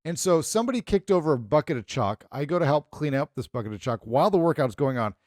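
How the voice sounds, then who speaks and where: A man's voice: on the high side, fast talker, no echo, clean studio sound. Rambling middle-aged man telling stories. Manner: rambling storyteller, animated retellings. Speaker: podcast co-host. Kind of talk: casual chat.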